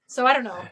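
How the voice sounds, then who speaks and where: A middle-aged woman telling stories casually as an interview guest, lively and acting out the voices she quotes. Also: sits high, breathy edge. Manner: animated, acts out quoted voices. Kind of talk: casual storytelling.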